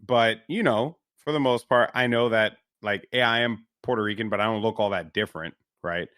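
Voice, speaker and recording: A young New York man co-hosts a podcast and also commentates esports, telling a story in a casual, animated way at a fairly quick pace. His voice rises in pitch whenever he quotes someone else, and the studio-quality recording has no echo.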